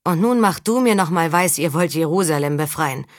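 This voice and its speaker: A woman's voice: low-pitched, animated, moderate pace, dry recording, studio quality. A woman voicing a blunt, sceptical mercenary. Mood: scornful. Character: gruff, world-weary male mercenary, around forty. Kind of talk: audiobook character reading.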